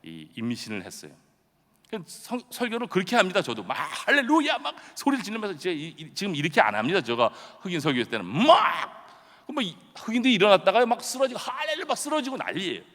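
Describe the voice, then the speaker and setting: A middle-aged man preaching a dawn revival sermon, telling stories in a chatty, self-deprecating way and bursting into sudden loud shouts. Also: high voice, sing-song, fast talker. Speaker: pastor. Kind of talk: early-morning revival sermon. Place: church sanctuary. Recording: long church-hall reverb.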